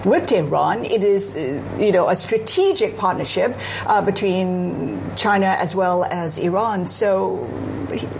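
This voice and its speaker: Woman from Singapore, news panel analyst, measured delivery, faint hiss behind. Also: medium pitch, animated, vocal fry. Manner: measured, frequent "I mean" asides.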